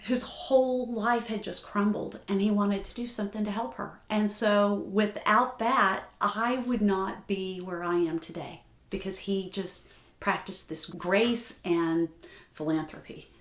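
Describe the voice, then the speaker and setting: A woman guest from Oklahoma, telling a family story and talking about her work as a grant writer in an animated, heartfelt way. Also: medium pitch, unhurried, reverberant. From Tulsa, Oklahoma. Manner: animated, heartfelt, laughs easily. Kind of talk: conversational storytelling.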